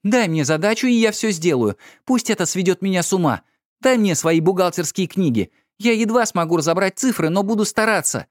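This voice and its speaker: A man's voice: a little high, expressive, normal speed, no echo, studio quality, pitched above the performer's own voice, natural voice. A man putting on a distraught young noblewoman. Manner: sharp, exasperated, near-hysterical outbursts. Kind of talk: audiobook character reading.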